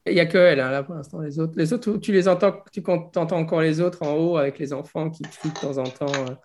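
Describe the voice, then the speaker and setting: A man with a fairly high, creaky voice runs a tabletop role-playing game. He improvises the scene as game master, hesitating and searching for words as he describes it. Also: fast, darkish tone.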